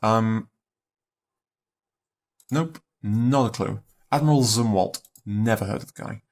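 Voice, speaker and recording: A young man thinking aloud in a let's play, musing and unhurried, trailing off into half-spoken guesses. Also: lowish voice. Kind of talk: thinking-aloud puzzle commentary.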